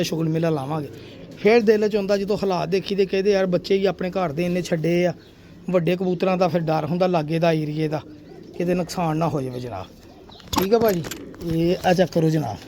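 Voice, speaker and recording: A high-voiced man chats to his viewers about his pigeons, boasting and calling them brother. Soft pigeon coos and outdoor air sit faintly behind him. The talk rambles along in a warm, familiar way. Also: a little hiss or hum. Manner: chatty and boastful, often addressing viewers as brothers and sir. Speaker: pigeon keeper showing his birds. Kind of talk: casual vlog talk to viewers. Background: pigeons cooing.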